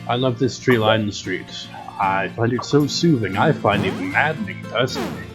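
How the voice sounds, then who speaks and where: A man's voice: lowish voice, normal speed. A man giving casual, rambling video game commentary in a wry, unenthusiastic manner. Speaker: gameplay video host. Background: game music.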